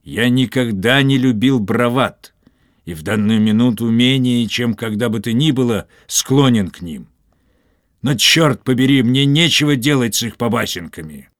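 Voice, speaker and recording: A man's voice: mid-range voice, normal speed, dry recording, studio quality, lightly acted. A man voicing a stubborn, wounded captain who curses and refuses last rites, weak and in pain. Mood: curt. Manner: gruff, scornful, swearing. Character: stubborn dying male captain, defiant, cursing.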